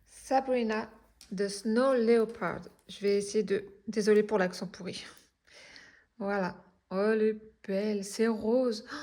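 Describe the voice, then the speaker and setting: Chatty French woman, soft mellow voice. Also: mid-range voice. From France. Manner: chatty, many filler "euh"s, self-correcting. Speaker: craft channel host. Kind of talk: casual unboxing chat. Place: home indoors.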